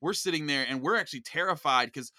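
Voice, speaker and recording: A man in casual sports chat, excitably retelling a game as a podcast guest. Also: on the high side, fast, no echo, studio quality. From Pittsburgh area. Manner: animated, excitable storytelling.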